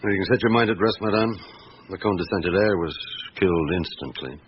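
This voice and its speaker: An actor playing a patient, world-weary middle-aged chief inspector in a radio drama, speaking in a measured, understated way. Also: male voice, sits low, natural voice. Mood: courteous, careful. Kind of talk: radio drama acting with interior monologue narration. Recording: dull, noisy old radio broadcast recording.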